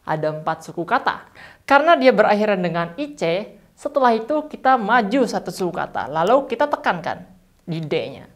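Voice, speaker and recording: Lively woman teaching English pronunciation. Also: mid-range voice. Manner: slow, stretched model words between quick explanations. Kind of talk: friendly online lesson.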